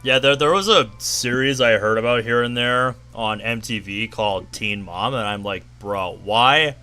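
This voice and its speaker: A man's voice: mid-range voice, normal speed, pushed and bright, clean tone, faint music behind. A young man chatting easygoing and laughing often with a friend while streaming a game. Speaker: co-host. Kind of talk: casual chat while playing.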